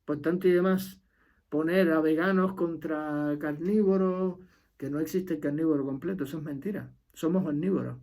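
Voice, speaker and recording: A middle-aged Cuban man with a slightly high, warm voice and a Cuban Spanish accent gives an impassioned opinion monologue as a political commentator. He speaks emphatically, repeats his key phrases, and lets his sentences trail off.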